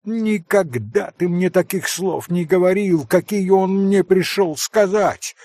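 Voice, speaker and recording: A volatile young woman cries out in a raised, swooping voice, as a male reader puts her on. Her passion spills into wailing outbursts, and a gravelly, husky grain runs under her words. The audiobook recording is close and dry. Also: sits high, takes it slowly, darkish tone, no room sound, pitched above the performer's own voice, exaggerated voice. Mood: anguished. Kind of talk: audiobook character voice.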